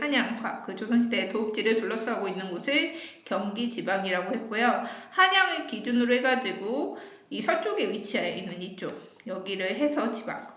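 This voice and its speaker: A woman teaching high school geography in a recorded lecture, explaining a map and asking and answering her own questions. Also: a bit bright. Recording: echoey room, dull lo-fi sound.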